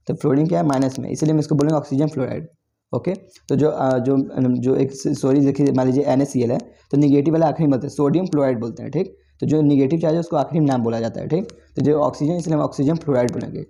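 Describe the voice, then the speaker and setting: A man's voice: a little high, gravelly, warm tone. A man teaching chemistry for an exam, explaining step by step with many repeats and self-corrections. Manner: repetitive, self-correcting explanation with frequent 'theek' and 'okay'. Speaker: chemistry tutor. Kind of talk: exam-prep lecture.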